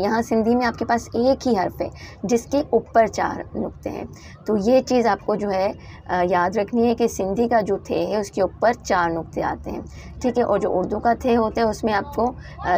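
A woman who teaches letters patiently. She repeats word lists slowly and often pauses with "uh" between phrases. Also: medium pitch, a little mellow, a little hiss or hum. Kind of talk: patient language lesson.

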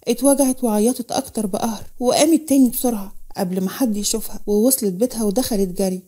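A woman with an Egyptian accent narrating a dramatic story in a brisk way. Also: a little high, dark tone.

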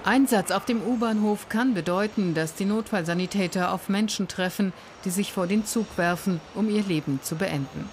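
A woman reading scripted documentary narration in an even, factual way. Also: medium pitch, moderate pace, few pauses, slight background noise.

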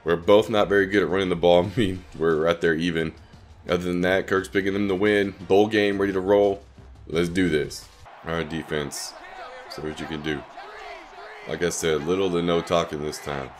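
A man's voice: low-pitched, normal speed, faint music behind. Man with a scratchy sick voice. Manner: laid-back, reacts to plays, brief excited outbursts. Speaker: gaming YouTuber. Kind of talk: casual gameplay commentary.

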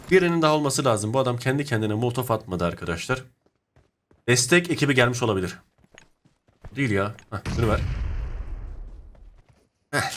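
A young man narrating his own mobile shooter match in casual commentary, muttering to himself and then breaking into sudden excited shouts. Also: mid-range voice, background noise. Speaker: gaming YouTuber. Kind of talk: live gameplay commentary.

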